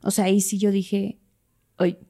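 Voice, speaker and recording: A woman's voice: fairly high pitch, fairly quick, a little mellow. A woman interviewing in casual chat, reacting with short exclamations.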